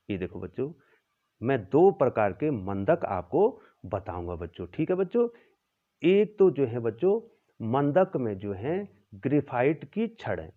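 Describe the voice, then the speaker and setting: A man teaches a physics class in a lecture style, repeating key terms and often checking in with his students. His voice swings widely in pitch as he explains. The recording sounds thin and phone-like. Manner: addresses students as children, repeats terms, corrects himself.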